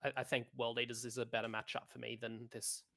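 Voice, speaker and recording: An Australian man as a guest on a casual gaming podcast over a call, talking in a measured, hedging way. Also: medium pitch, flat delivery, gravelly, pushed and bright. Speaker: podcast guest, tournament player.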